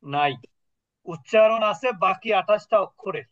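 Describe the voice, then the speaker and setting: A man's voice: sits high, a little slow, noisy background. A man teaching an Arabic class online, patiently quizzing his students as he explains. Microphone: video call. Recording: dull lo-fi dry call audio.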